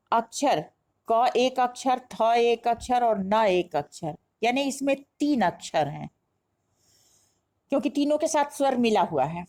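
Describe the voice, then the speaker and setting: A woman's voice: a little high, a little mellow. A woman teaching a grammar lesson, explaining step by step and asking herself questions before answering them. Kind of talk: classroom-style lesson explanation.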